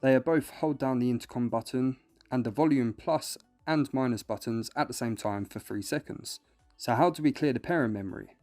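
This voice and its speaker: With a darkish tone in his mid-range voice, a man reads a scripted product review a little fast. He guides listeners through it step by step while a music bed plays underneath.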